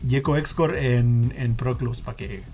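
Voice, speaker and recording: A man's voice: mid-range voice, steady tone, unhurried, a little mellow, soft background music. A man chatting casually in slangy, joking mixed with English. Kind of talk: casual bilingual chat, switching between Spanish and English.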